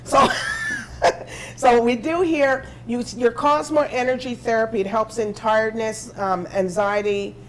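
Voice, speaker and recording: A woman hosting a casual talk show interview, chatty and quick to laugh, sometimes tripping over her words. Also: on the high side, fairly even intonation, fairly bright tone, slight background noise, low-quality recording. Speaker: host.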